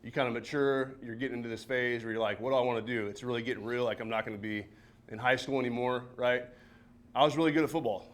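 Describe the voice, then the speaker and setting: A football coach in his early forties tells his story to a room, talking loosely and warmly. He leans on "um" and "right?" as he goes, in a voice of ordinary pitch. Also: steady tone, fast. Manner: conversational, warm, many fillers and tag questions. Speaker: high school football coach giving a talk. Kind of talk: personal talk at a seminar. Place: church meeting room.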